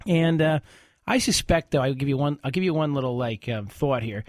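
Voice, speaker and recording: A man's voice: medium pitch, animated, brisk, a little mellow, no echo, clean studio sound. A man hosting a call-in radio show, casually explaining legal points to a caller. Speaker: radio show host, lawyer. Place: radio studio.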